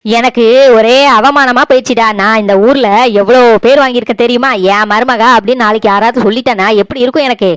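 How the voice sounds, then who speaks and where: A sharp-tongued older mother-in-law, voiced by a woman with a Tirunelveli Tamil accent, accusing and self-pitying by turns. The voice sits a little high and sounds smooth and clean, recorded dry and close for a cartoon. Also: fairly even intonation, fast talker, dry recording, close to an everyday voice. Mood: indignant. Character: domineering older mother-in-law, quick to scold. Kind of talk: cartoon voice acting.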